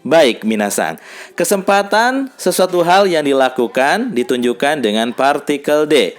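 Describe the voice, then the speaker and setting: A man teaching a language lesson, who reads example dialogues slowly and explains them patiently, with faint music behind him. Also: fairly high pitch, lively intonation.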